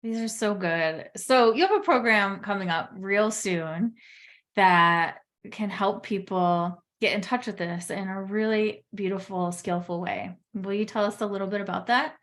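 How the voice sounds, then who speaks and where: A woman's voice: medium pitch, measured pace, a bit bright. A woman hosts a podcast conversation in a mid-range voice. She sounds affirming and personal, and she speaks openly about her own experience. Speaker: podcast host. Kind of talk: conversational interview.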